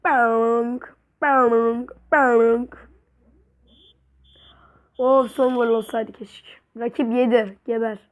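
Excitable young woman commenting on gameplay. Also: on the high side, very slow, pauses often, narrow, tinny audio. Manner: excitable, cheering and trash-talking at the game. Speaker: gaming YouTuber.

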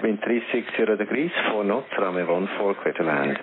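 A man's voice: on the low side, animated, fairly quick, a crowd in the background. A man speaking clipped air traffic phraseology over the radio as a controller. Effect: aviation radio. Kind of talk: radio transmission of landing clearance. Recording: narrow, crackly aviation radio channel.

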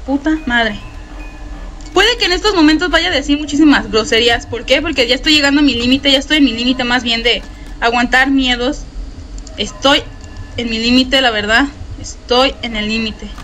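Frightened and trembling, this gameplay streamer, a young Mexican woman with a Mexican Spanish accent, swears, laughs nervously and shrieks through a horror game. She speaks at normal speed in a high, somewhat bright voice. Soft music plays behind her on a rough recording.

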